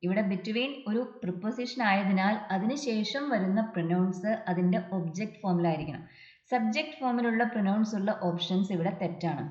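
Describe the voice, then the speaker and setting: A woman tutor explains grammar point by point and reads English example sentences slowly and deliberately. Her voice sits at a middle pitch. The recording is dull and muffled, with a roomy echo. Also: a little mellow. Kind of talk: exam prep lesson. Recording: dull echoey room recording.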